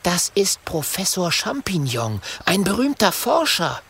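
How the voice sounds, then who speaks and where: A man's voice: sits high, huge pitch swings, unhurried, gravelly, a bit bright, slightly rough, voice pushed up, full character voice. A man voicing a young, bookish male dragon who explains things earnestly and eagerly.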